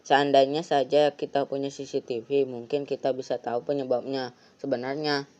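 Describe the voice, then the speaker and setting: A woman's voice: a bass voice, little pitch movement, moderate pace, warm tone. A worried, fussing mother, voiced by a woman, scolding her son. The recording sounds dull and lo-fi.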